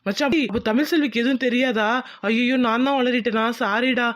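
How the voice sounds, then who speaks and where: A man's voice: extremely high pitch, fairly even intonation, fairly quick, fairly bright tone. A man voicing a loyal, chatty young male friend in a village cartoon, chummy and admiring in tone.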